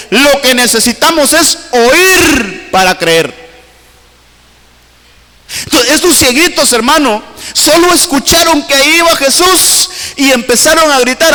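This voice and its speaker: A man preaching a sermon as pastor in a church, fervent and swinging his pitch widely while calling his listeners brother. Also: pushed and bright. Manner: fervent preaching with sweeping pitch swings, repeatedly addressing "hermano". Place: church hall. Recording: long church reverb.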